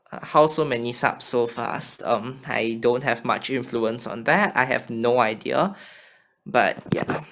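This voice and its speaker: A man's voice: mid-range voice, creaky, pushed and bright. Hesitant man with a mixed Chinese-Singaporean accent. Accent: mixed Chinese and Singaporean English. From China. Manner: hesitant, halting, often apologetic. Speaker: channel host answering viewer questions. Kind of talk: casual Q&A vlog. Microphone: phone.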